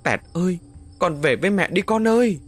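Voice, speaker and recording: A village mother torn between wailing grief and fury, put on by a male storyteller. Her voice jumps high and swings wildly in pitch, with a husky edge. Faint music plays behind her. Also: lively intonation, a little fast. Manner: wailing, shrieking threats. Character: grieving enraged village mother, middle-aged woman.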